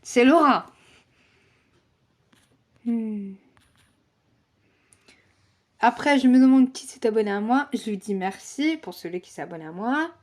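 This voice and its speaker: A woman with a fairly high voice chats to her viewers in a casual vlog. She takes her time, letting her chatty rant unfold at an unhurried pace. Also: expressive. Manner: chatty, ranting. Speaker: vlogger.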